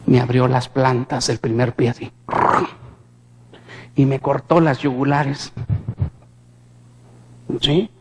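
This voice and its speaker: A man's voice: medium pitch, fairly even intonation, takes it slowly, long pauses, darkish tone, slightly rough. A man gives a dramatic personal testimony in church as a vivid storyteller who asks his listeners questions directly. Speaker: guest giving testimony in church.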